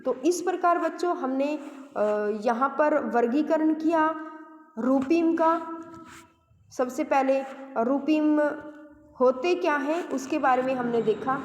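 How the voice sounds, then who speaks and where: A woman's voice: high-pitched, roomy sound, big-room sound. A woman teacher giving a lecture, repeating points and asking questions she then answers herself. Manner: repetitive, asks and answers own questions. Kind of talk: explanatory lecture.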